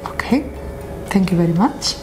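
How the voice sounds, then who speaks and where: A young woman hosts an interview, politely reading her questions off a card in a lowish, expressive voice at normal speed. She sits indoors in a café-style room with a sofa. The recording is noisy, with a roomy echo and music playing underneath.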